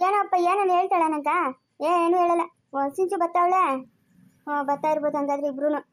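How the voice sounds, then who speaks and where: In a very high, brisk voice over slight background noise, a woman acts as a worried grandmother in a village family drama. Her Chikkaballapur Kannada accent colors her anxious scolding and coaxing.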